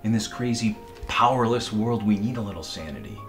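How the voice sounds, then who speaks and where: A man's voice: fairly low pitch, animated, a little fast, soft background music, natural voice. A young man playing an intense, scheming boyfriend, earnest and pressing in a melodramatic comedy style. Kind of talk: comedic web-series acting.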